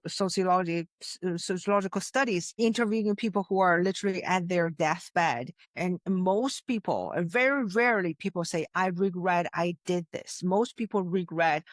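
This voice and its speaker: A Chinese woman whose first language is Chinese, working as a success coach, tells her story in an interview conversation. Her voice is on the low side, recorded with studio quality and no room sound, and she speaks with earnest emphasis and frequent restarts.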